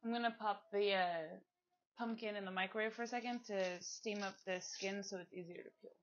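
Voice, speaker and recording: A woman's voice: medium pitch, steady tone, fairly quick, lo-fi sound, slight background noise. A woman hosting a casual home cooking tutorial, chatty and instructive as she guides a helper step by step. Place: home kitchen. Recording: kitchen clatter of dishes and utensils. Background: clinking dishes and cutlery.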